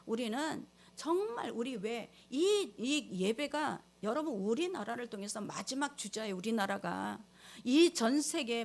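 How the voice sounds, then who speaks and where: Woman, pastor, sermon, high voice, emphatic, addresses the congregation directly. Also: vocal fry. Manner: emphatic, swinging between loud exhortation and quiet storytelling.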